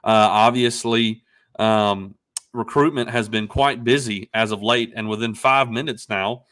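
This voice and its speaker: A man's voice: on the low side, fairly even intonation, a bit bright. A man hosting a live sports show, talking casually with frequent "uh"s and restarts. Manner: halting, many fillers and restarts. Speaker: podcast host. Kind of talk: casual live-stream chat.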